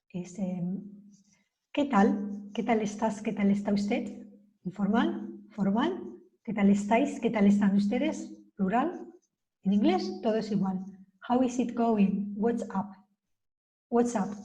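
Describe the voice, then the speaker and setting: A woman whose first language is Spanish gives a casual language lesson and repeats each English phrase patiently so it can be copied. Her voice is mellow and warm, at an ordinary pitch for a woman. The recording is a little dull and lo-fi. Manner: explains slowly, repeats English phrases to model pronunciation. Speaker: language teacher.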